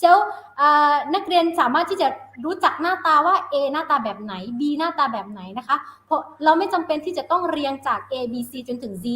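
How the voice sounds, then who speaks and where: High-voiced woman teacher, roomy sound. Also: sharp tone. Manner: mixes Thai and English, asks checking questions. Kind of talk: live-streamed phonics lesson. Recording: roomy echo.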